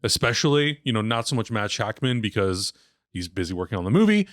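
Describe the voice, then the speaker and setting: A man co-hosting a podcast, talking through his opinions in relaxed casual chat. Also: fairly low pitch, a little fast, dry recording, studio quality. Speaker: podcast co-host.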